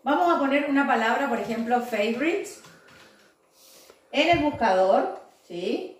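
An Argentine woman in her forties teaches English in a recorded video class for children. Her voice is high and her pace is slow and patient, and she checks in often with short questions. She is filmed from across a room with a strong echo. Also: lively intonation. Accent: Argentine Spanish. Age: 40s. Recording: echoey room, voice from a distance.

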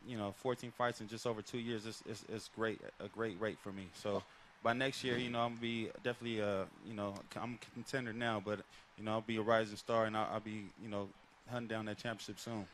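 Wearing a headset mic at an outdoor set, a boxer guest in his thirties chats casually in an interview, relaxed and rambling with many fillers. His voice is on the low side, and there's a little hiss or hum in the recording.

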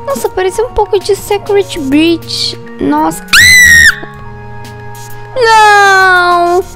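A young Brazilian woman with a Brazilian Portuguese accent giving excitable gameplay commentary, squealing and giggling when scared. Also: very high voice, extremely slow, shouting, loud music behind the voice. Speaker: gaming channel host.

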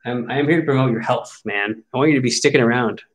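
A man's voice: medium pitch, fast. A man in his forties hosting a card break, opening packs and chatting wryly as he grumbles jokingly about what he pulls. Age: 40s. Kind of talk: casual card-opening commentary.

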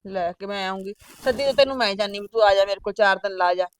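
Woman acting calm older sister and mom on a farm, talks quick, dry close sound. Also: mid-range voice, no room sound, close to an everyday voice. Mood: placating. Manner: soothing, placating, often asks back "huh?". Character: placating older sister, farm-living mother, patient. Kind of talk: village family drama acting.

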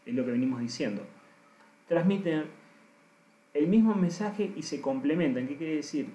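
A man, a coach giving a deliberate, emphatic lesson and speaking straight to his listeners. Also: a little high, mellow, slight background noise. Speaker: coach teaching trainers. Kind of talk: recorded lesson. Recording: roomy echo.

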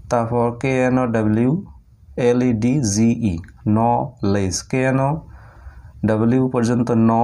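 A man teaches in a patient, plain classroom manner. He spells words out letter by letter and keeps pausing to check that his students understand. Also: medium pitch, a little mellow. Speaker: English teacher. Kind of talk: spoken lesson to students.

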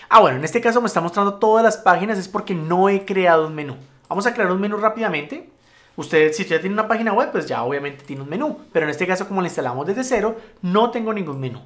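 A man giving a relaxed, chatty step-by-step web tutorial, often checking in with his viewers. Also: high-pitched. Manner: frequent checking tags like "¿listo?" and "¿vale?". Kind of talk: casual screen-recorded tutorial.

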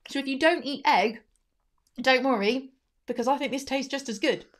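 Higher-voiced woman hosting a kids' science show. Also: moderate pace. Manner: bright, explains step by step, exclaims often. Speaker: co-host of a children's science show. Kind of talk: live science demo for kids.

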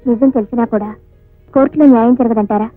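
A bitter woman in a courtroom drama, played by an actress, speaking softly and pleading. The sound is tinny and lo-fi, with faint music beneath. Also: fairly high pitch, steady tone, quick pace, close to an everyday voice.

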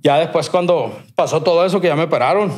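A man's voice: fairly high pitch, fast. A man with a Sinaloan accent, a podcast guest telling a long personal story in rambling, slang-heavy, swearing speech. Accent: Sinaloan Mexican Spanish. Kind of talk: casual storytelling.

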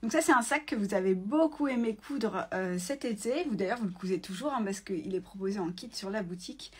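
A woman talking casually on a phone in selfie mode during a live giveaway, chatty and quick, reading viewer comments aloud. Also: mid-range voice, lively intonation, breathy edge. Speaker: sewing shop owner hosting a live giveaway. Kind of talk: casual live stream chat.

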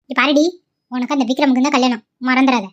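A woman's voice: high voice, steady tone, quick pace, muffled recording, lightly acted. A woman voicing a pushy middle-aged mother in a cartoon, talking harshly and scolding. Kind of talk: cartoon voice acting.

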